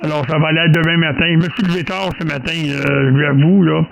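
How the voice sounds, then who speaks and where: With a Quebec French accent, a man leading a group contact on amateur radio talks fairly quickly in a slightly high voice with fairly even intonation. His casual chatter rambles, falters and repeats itself, and the muffled recording is clearly noisy with clicks.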